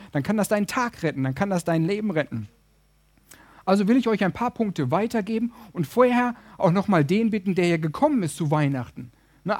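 High-voiced lively preacher man. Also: no room sound. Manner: lively storyteller, acts out voices. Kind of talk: sermon with storytelling.

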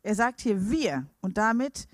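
A woman's voice: medium pitch, big pitch swings, measured pace, no echo, studio quality. A woman interpreting a sermon live into German, reading scripture and rendering each phrase with hesitations and self-corrections.

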